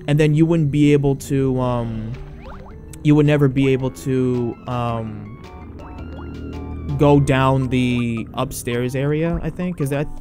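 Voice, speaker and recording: A man giving casual gameplay commentary as a let's play host, rambling and halting with many fillers and restarts. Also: medium pitch, mellow, faint music behind.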